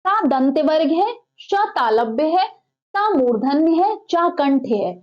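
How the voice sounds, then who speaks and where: A woman's voice: high voice, sing-song, slow, dull audio. A woman teaching an exam-prep lesson, putting questions to the class and then answering them herself. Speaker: Hindi teacher.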